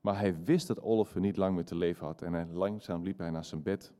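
Calm male preacher, low and mellow, measured sermon storytelling.

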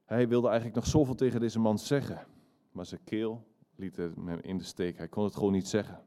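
Calm male preacher, low and mellow, measured sermon storytelling.

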